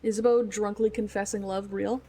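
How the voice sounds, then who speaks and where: Excitable gravelly-voiced woman streamer. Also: medium pitch, a little fast. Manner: excitable, questioning reactions. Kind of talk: game playthrough reading aloud.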